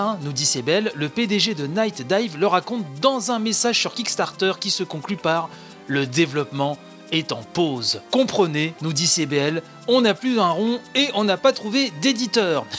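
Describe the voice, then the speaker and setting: A man's voice: sits high, expressive, normal speed, fairly bright tone, faint music behind. A man hosting a video game news podcast, reading out articles with frequent asides and the filler "hein". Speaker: podcast host.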